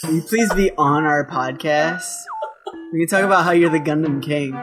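A man co-hosting a casual podcast, joking around with playful slang and quick banter. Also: fairly high pitch, music in the background. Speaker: podcast co-host.

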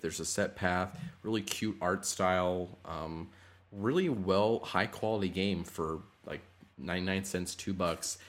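A man hosting a podcast, chatting casually about games from a slightly echoey room at home. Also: low voice. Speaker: podcast host. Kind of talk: casual gaming podcast chat.

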